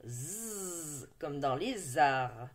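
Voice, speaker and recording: Teacher, female, low-ish lively voice, slow and encouraging for young readers. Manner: slow, clearly articulated, encouraging. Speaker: primary school teacher. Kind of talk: slow reading lesson for young children.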